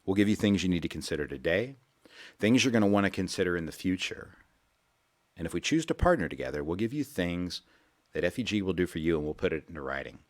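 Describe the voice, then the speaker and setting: A man's voice: low-pitched, very animated, quick pace. A man hosting a financial radio show, talking in a rambling, folksy way and repeating his words. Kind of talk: casual radio talk with sales pitch. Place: radio studio.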